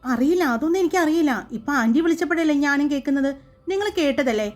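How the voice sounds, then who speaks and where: A woman voicing a lively, chatty young woman who talks in an animated, teasing way. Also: high voice, fast talker, soft background music. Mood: explaining.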